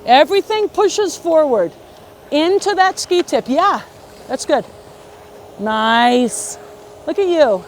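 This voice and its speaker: Taking it slowly, with long pauses, a woman with a high, lively voice teaches an outdoor beginner ski lesson. She gives encouraging step-by-step instructions and regularly checks in with "okay" or "right," while faint background noise runs through the recording.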